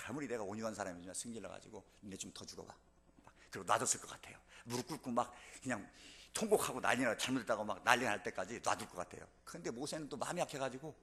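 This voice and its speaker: A male pastor preaching a sermon in a church, asking the congregation questions and building to loud, emphatic exclamations. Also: mid-range voice. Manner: asks the congregation rhetorical questions. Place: church sanctuary.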